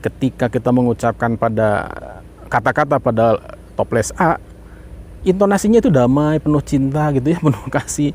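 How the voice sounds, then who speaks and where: Lively Indonesian-speaking man telling of his experiment. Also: moderate pace, a little hiss or hum. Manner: lively, rises in pitch when excited; acts out quoted voices mid-talk. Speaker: parent sharing an experiment. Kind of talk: casual talk to viewers.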